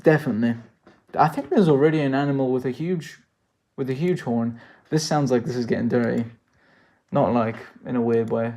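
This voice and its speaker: A man's voice: mid-range voice, a little mellow. A man from South Africa chatting loosely through a live-stream Q&A as a worldbuilding creator, thinking aloud with jokey asides. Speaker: worldbuilding creator answering chat.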